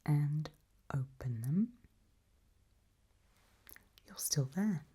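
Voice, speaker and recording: Playing an eerie but gentle undead mentor in a creepy audio drama, a woman whispers her instructions extremely slowly in a patient, coaxing way, a quiet unease running underneath. Her full character voice is very breathy and low, mellow at the edges, with lively intonation.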